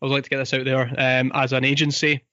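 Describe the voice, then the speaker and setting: A man's voice: mid-range voice, completely flat delivery, quick pace, bright, forceful tone, no echo, lo-fi sound. A man with a Fife Scottish accent, chatting casually as an interview guest. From Fife, Scotland. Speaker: podcast guest, business owner.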